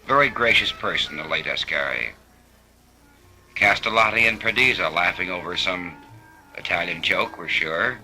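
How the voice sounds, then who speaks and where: A man narrating race footage on an old 1950s film soundtrack, relaxed and dropping wry asides. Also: deep voice, moderate pace, faint music behind. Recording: hissy, noisy vintage film recording.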